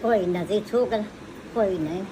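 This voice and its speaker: A woman's voice: medium pitch, moderate pace, noisy background. An older woman from Gujarat, hesitant and pleading, in short broken phrases. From Gujarat, India.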